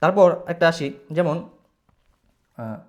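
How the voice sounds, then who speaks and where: A man's voice: a little high, lively intonation. Patient man teaching reading. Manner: patient, repeats syllables slowly for students to follow; mixes English words into his talk. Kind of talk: online reading lesson.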